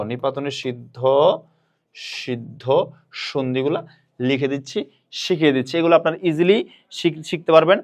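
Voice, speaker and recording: Guy teaching a class online, bit high voice, keeps repeating words for you to say back. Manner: repeats words aloud slowly for students to echo. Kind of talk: online admission-prep grammar lesson.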